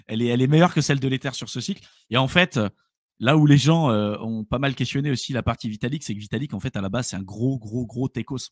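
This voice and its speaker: A man co-hosting a casual live stream, rambling through stories in slangy speech full of fillers. His voice sits at an ordinary pitch and sounds dry and close, with little room around it. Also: fast, a little mellow, no room sound. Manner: loose, slangy storytelling with many fillers. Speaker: co-host of a crypto live stream. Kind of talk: casual chat.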